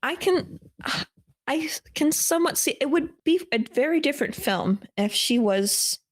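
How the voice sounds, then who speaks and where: A woman with a fairly high voice hosts a casual film podcast. She talks in a chatty, enthusiastic way. She is recorded over a remote call. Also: expressive, moderate pace. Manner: chatty, enthusiastic, laughs often. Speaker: podcast host.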